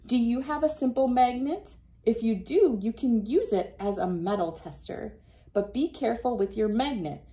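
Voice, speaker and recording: In a small wood-panelled room by a window, a woman in her thirties reads a science book aloud and demonstrates for children, speaking straight to young viewers with encouragement. Her voice is a little high and warm, at a moderate pace. A device camera about arm's length away records her.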